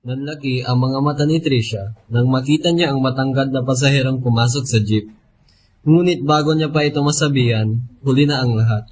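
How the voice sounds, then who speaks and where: Reading from a script, a man narrates a radio drama at a fairly quick pace. His voice is medium-pitched, with faint ambient noise in the background.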